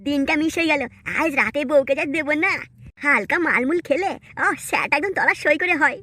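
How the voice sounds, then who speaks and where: Super high pitched-up drunk village lad, cartoon, sharp, mouthy, cocky. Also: male voice, expressive, fairly quick, no echo, heavily acted. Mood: eager, cheeky. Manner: foul-mouthed, blustering. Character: crude, hot-headed, drunken young village man, boastful. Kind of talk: comic cartoon voice acting.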